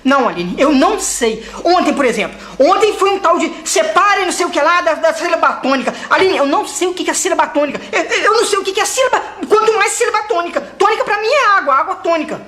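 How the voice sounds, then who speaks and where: A woman's voice: very high voice, expressive, fast, few pauses, fairly bright tone, reverberant. A woman playing an exasperated father fed up with his son's online schooling, ranting in a comic sketch. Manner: ranting comic complaint, mock outrage. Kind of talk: comedic sketch video.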